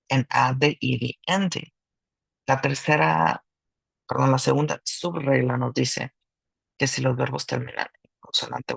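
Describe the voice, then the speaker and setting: Gravelly-voiced man teaching slowly. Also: medium pitch, no room sound, low-quality recording. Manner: slow and patient, switching between Spanish and English, with restarts. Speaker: English teacher. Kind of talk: bilingual online grammar lesson.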